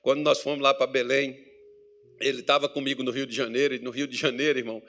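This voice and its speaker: A man preaching a lively sermon as a pastor in church, telling stories with humor and acting out the voices of people he quotes. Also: mid-range voice, fast talker. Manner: jokes and acts out quoted voices, chuckling.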